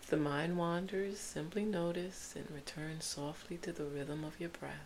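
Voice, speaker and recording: A woman guiding a sleep meditation in a soft, soothing spa-like whisper. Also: low voice, fairly even intonation, normal speed, poor audio. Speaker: meditation guide. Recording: hissy background noise.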